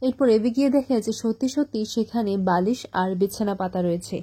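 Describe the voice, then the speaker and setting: A woman's voice: mid-range voice, brisk, warm tone, slightly rough. A woman casually retelling a TV serial episode, narrating the plot in plain conversational storytelling and quoting the characters' lines. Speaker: recap narrator.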